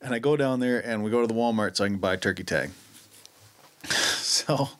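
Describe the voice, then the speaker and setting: A man's voice: lowish voice, brisk. A man with a slight Minnesotan accent hosting a casual chat, telling stories animatedly with frequent laughter. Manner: animated storyteller, laughs often, mimics voices. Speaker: podcast host.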